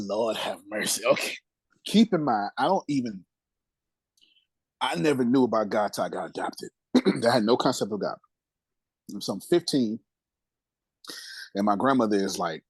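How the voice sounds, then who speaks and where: A man's voice: lowish voice, husky, no room sound. A man being interviewed on a podcast, telling his life story candidly and emphatically, with speech and streetwise slang, repeating phrases for weight. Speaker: podcast guest.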